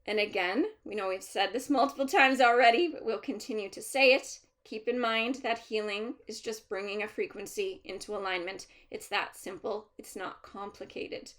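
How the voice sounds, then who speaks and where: A woman speaking as a trance medium, channeling a collective of master healer spirits in a deliberate, formal, instructive manner with pauses. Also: medium pitch, fairly even intonation, fairly bright tone, natural voice. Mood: calm, instructive. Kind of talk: seance medium channeling, unscripted spiritual teaching.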